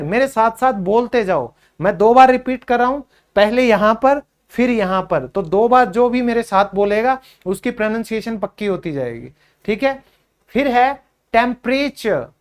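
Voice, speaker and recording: Male English teacher, beginner drills, unhurried word-by-word delivery, talks to students as friends. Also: high voice. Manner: drills each word by repeating it slowly; addresses learners as friends. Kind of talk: spoken English lesson for beginners.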